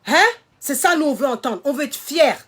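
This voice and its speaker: A woman's voice: high voice, lively intonation, normal speed, a bit bright. A woman delivering an impassioned vlog rant to her viewers, emphatic and indignant, hammering home her points by repeating them. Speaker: social media commentator.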